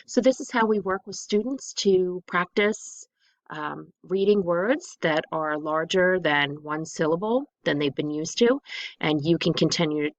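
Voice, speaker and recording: A woman's voice: sits low, vocal fry, no room sound, rough recording. A woman reading teacher giving a patient, methodical phonics lesson, repeating her questions step by step for learners.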